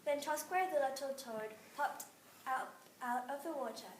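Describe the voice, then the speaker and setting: A woman reading a myth aloud as a storybook narration in a clear, steady voice. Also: high voice, unhurried. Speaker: reader. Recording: roomy, distant mic, faint noise.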